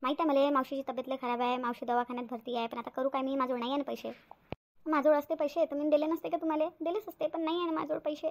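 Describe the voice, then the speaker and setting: A woman's voice: high voice, level tone, rapid-fire, slight background noise. A woman voicing a scheming young wife in a cartoon, sly and whiny, pleading with fake tears. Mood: fake sobbing. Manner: wheedling, fake-tearful pleading. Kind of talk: cartoon voice acting.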